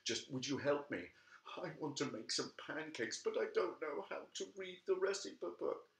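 A man voicing a put-upon big bad wolf in a low, quiet, pleading voice. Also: lively intonation, normal speed, gravelly, reverberant.

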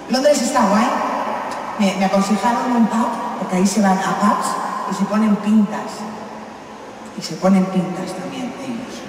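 Woman doing stand-up in an echoey hall. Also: on the high side. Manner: chatty, teasing, addresses the audience directly. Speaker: stand-up comedian. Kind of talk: stand-up comedy monologue. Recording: echoey hall from far off, noisy ambience.

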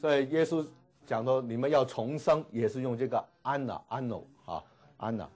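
A man teaching a classroom lecture, repeating each word slowly and filling pauses with drawn-out particles. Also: mid-range voice, a little mellow. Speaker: Greek language teacher. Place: classroom with students.

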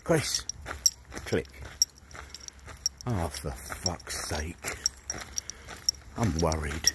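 Speaking extremely slowly in a deep, animated voice, a man carries out a brash, sweary, one-sided prank call full of mockery. It's filmed outdoors among trees on a phone at arm's length while he wears headphones. The recording is noisy.

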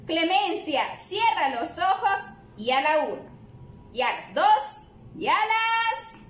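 A woman's voice: very high-pitched, sing-song, slow pace, a bit bright, exaggerated voice. Woman voicing a peppy bossy male penguin for a storybook read-aloud, upbeat coaxing orders, echoey space. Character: cheerful bossy male penguin, eager helper. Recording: echoey room.

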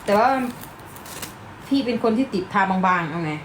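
A woman's voice: medium pitch, lively intonation, moderate pace. A woman chatting casually, easygoing and agreeable. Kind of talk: casual chat. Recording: noisy background hiss.

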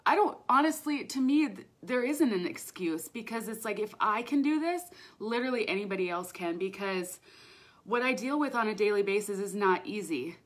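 A young woman hosting a casual livestream from home, emotional and tearful, excitable, laughing often between her words. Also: medium pitch, moderate pace. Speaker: livestream host, direct seller. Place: at home, indoors. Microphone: phone or webcam.

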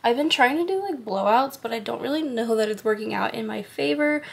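A woman in her twenties vlogging casually to a camera held at arm's length at home, chatty and excitable. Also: fairly high pitch, a little fast, vocal fry, slightly rough. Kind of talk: casual vlog talk to camera. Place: bedroom at home, indoors.

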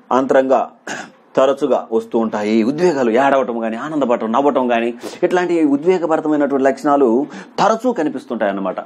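Husky man teaching like an exam coach. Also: mid-range voice, darkish tone. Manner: repeats key points as quiz questions and answers; stresses points with "very, very important". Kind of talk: exam-prep lecture.

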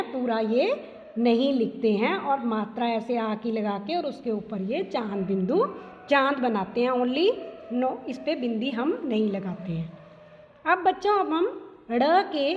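Woman teacher sounding out letters for little kids, high voice, slow and careful. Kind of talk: Hindi phonics lesson for young children. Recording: dull lo-fi sound with long reverb.

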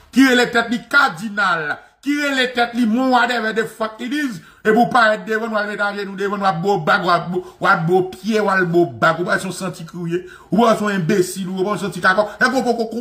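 Shouting, mocking Haitian man. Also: high voice. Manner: mocking, shouting, repetitive, laughing scornfully. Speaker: radio commentator. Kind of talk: fiery religious rant.

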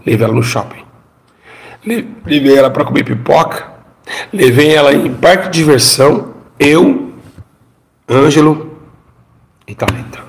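His voice is on the high side with vocal fry, and he speaks at a measured pace with long pauses. This middle-aged Brazilian man, once a pastor, tells his emotional testimony dramatically, echoing his lines and leading the audience in repeating them.

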